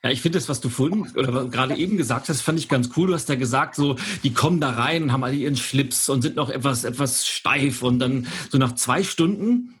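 Casual male interviewer, rough husky voice. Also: mid-range voice, a little fast, hardly any pauses, fairly bright tone. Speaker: interview host.

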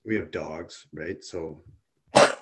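Man with a really deep voice, halting, lots of like and um, chatty podcast. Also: a bit bright, slightly rough. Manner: halting, thinks aloud with many fillers. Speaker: podcast co-host. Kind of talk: casual chat.

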